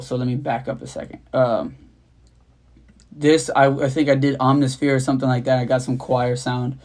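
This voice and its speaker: A medium-pitched young man, a rapper and beatmaker, hosts a casual livestream from his home studio. He rambles loosely, chuckles at himself and swears offhandedly.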